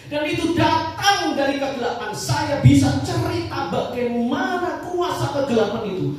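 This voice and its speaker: A woman pastor preaching a sermon, telling stories in an animated way with many exclamations. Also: high-pitched, normal speed. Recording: echoey hall from far off, faint noise.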